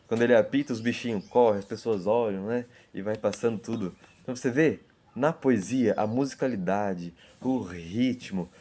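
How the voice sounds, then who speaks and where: A man's voice: mid-range voice, a little mellow. A man from Brazil, a teacher giving a chatty lesson to middle-school students, often restarting words and reading poems aloud with rhythm.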